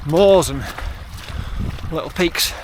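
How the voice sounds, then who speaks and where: A man's voice: a little high, slow. British man chatting on a run, noisy outdoors. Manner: wry, self-deprecating, dry understatement; talking on the move while out running. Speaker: trail running vlogger. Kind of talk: casual vlog chat to camera. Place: outdoors on open moorland hills.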